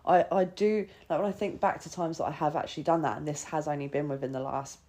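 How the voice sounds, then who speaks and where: A woman with a low, warm voice talks fast in a steady tone, hosting a podcast where she shares her own experiences. She's casual and confessional, swears freely, quotes herself, and fills her informal phrasing with "like."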